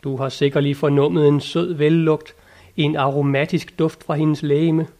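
An eager, lofty old knight from a storybook, full of high-flown devotion, as a male narrator reads him, in a fairly high voice. His speech is grand and old-fashioned, urging and exclaiming. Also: level tone, warm tone, lightly acted. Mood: ardent. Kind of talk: audiobook character reading.

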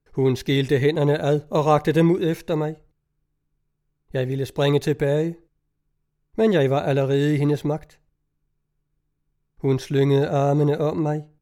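Mellow male audiobook narrator. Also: fairly high pitch. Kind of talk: scripted narration.

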